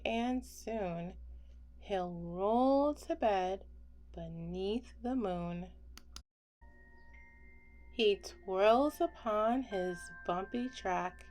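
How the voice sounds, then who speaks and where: Reading a picture book to a child at bedtime, a woman speaks in a mid-range voice. She sounds soft and expressive, shaping each phrase with deliberate care.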